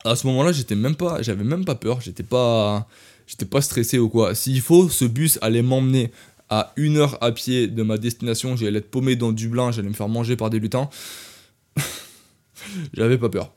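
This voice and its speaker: Young male podcast host, casual, lively storytelling, mid-pitched, talks to his listeners. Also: normal speed. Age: young adult. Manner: animated, talks straight to listeners.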